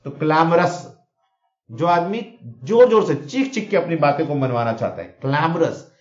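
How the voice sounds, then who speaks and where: The teacher speaks unhurriedly, with a high voice and lively intonation, coaching students for exams on vocabulary in Hindi and English. He explains with mnemonics, repeats words and keeps checking "theek hai na?", captured with dull lo-fi sound in an echoey room.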